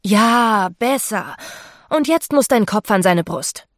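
A woman reading the part of a bossy young woman who pushily directs a photo shoot, her voice slightly lifted and louder than her narration. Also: mid-range voice, expressive, slow pace, no echo, studio quality. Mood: demanding. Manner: pushy, commanding.

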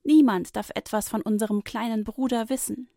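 A woman voicing a young girl, an anxious but brave big sister in a children's Bible story, speaking high and eagerly. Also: steady tone, normal speed, dark tone, dry recording, clean studio sound, lightly acted. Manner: high, eager, tearful pleading.

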